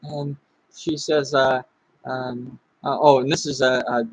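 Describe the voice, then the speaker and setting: A man giving a recorded sales training talk while seated, with a halting, stop-start delivery full of restarts. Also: medium pitch, flat delivery, slight background noise, low-quality recording.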